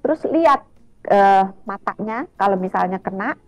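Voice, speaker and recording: Brief: woman doctor on a radio interview, explains tips clearly and practically, dry sound, faint music underneath. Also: mid-range voice, animated, moderate pace, dry recording. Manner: explains step by step, practical, with small fillers. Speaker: doctor guest.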